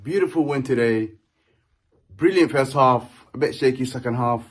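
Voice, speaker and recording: A man's voice: mid-range voice, moderate pace. A man giving a casual reaction as a football fan in short exclamatory phrases. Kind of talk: casual self-recorded reaction.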